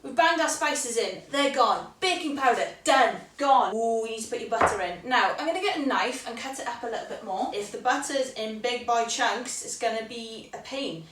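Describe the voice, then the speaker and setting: A woman's voice: a little high, lively intonation, moderate pace, hardly any pauses, fairly bright tone, a little hiss or hum. A young Welsh woman hosting a casual cooking video from her home kitchen, chatty and playful as she teaches Welsh words. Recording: roomy kitchen, mic at a distance.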